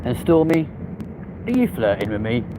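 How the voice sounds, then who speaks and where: A young man with a London accent chats casually with viewers on a live stream, dropping London slang in a sing-song, medium-pitched voice at a moderate pace. He's outdoors on a busy city street, recorded on a handheld phone that picks up loud street noise.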